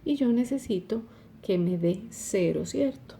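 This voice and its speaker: Gravelly, dark-voiced woman teaching chemistry. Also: mid-range voice, animated, a little slow. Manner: patient, explaining step by step with frequent "¿cierto?". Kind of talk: recorded online lesson.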